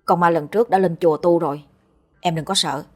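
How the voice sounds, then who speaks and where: A woman reading the lines of a caring older brother in her own voice, brisk and reassuring. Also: on the low side, steady tone, soft background music, close to an everyday voice.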